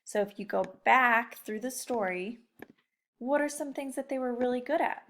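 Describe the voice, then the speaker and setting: A slightly high, fairly bright voice at normal speed belongs to a young woman teacher during a read-aloud lesson. She talks to the children casually and with encouragement, frequently addressing questions to them.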